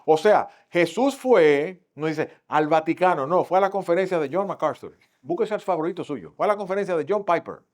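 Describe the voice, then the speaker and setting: A male pastor with a Dominican accent, preaching a Sunday school sermon and acting out the voices he quotes, swinging from loud to hushed. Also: fairly high pitch, lively intonation, moderate pace, few pauses. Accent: Dominican Spanish. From Dominican Republic.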